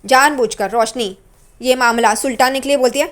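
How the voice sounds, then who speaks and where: A woman's voice: high-pitched, normal speed, a bit bright. A woman casually retelling a TV serial episode in a chatty way, adding teasing side comments about the characters. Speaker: TV serial recap narrator. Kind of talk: casual episode recap narration.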